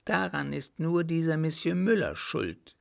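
A man's voice: fairly high pitch, very animated, measured pace, creaky, voice pushed up, exaggerated voice. A man voicing a pouting young French lady. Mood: tearful. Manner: pouting, plaintive. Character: spirited young French lady, lost in woods.

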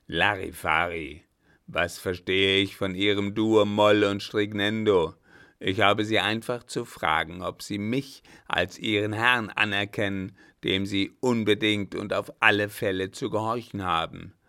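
A man's voice: fairly even intonation, a little slow, hardly any pauses, clean tone. A man reading a German story aloud, voicing a blustering, domineering old captain who roars his threats. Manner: booming, shouted outbursts.

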